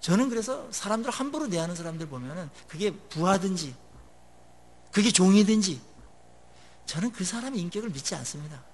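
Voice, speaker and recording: A male pastor preaching a sermon in a conversational way, asking the congregation questions and letting his phrase endings drop low after emphatic peaks. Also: animated, a little fast.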